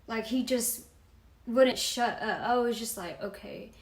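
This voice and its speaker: Young woman vlogger, casual slangy storyteller, slightly high voice, roomy sound. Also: measured pace. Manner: slangy, fills talk with "like". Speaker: vlogger telling a personal story.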